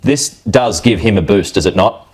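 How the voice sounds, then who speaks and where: A man's voice: lowish voice, normal speed. A man hosting a news interview in a conversational, somewhat hesitant way, often ending his points with tag questions.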